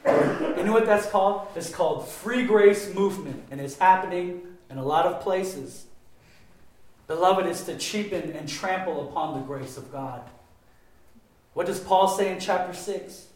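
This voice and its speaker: A man preaching a sermon with passion, his voice swinging between loud emphatic stretches and quieter ones. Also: high-pitched, a little slow. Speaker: pastor. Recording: very echoey room.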